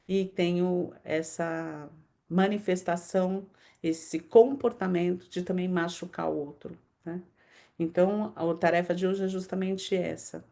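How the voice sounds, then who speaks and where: A woman with a Brazilian Portuguese accent hosting a devotional conversation, telling personal stories with lively emphasis and quick asides. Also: lowish voice. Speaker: host of a daily devotional.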